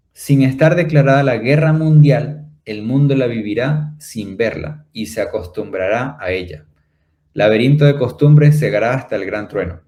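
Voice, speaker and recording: On a spiritual talk show, a Venezuelan-accented man from Maracaibo delivers an earnest explanation in a mid-range voice with a somewhat dark tone. He often poses rhetorical questions to the audience and keeps returning to the same tag phrases.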